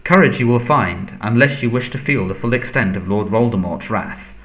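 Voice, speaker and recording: A man voicing a frail, menacing dark lord in a storybook, soft, breathy and hissing, commanding and contemptuous. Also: fairly low pitch, moderate pace, lightly acted. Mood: menacing, resolute.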